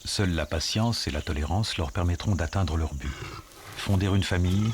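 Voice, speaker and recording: A man reading scripted nature documentary narration in a measured, explanatory storytelling manner. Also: low-pitched, background noise. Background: music under the voice.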